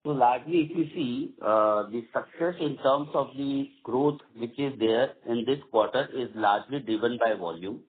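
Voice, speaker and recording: On an earnings call, a company executive with an Indian accent responds haltingly, often repeating phrases. He is a man with a mid-range voice. The call audio sounds dull and lo-fi.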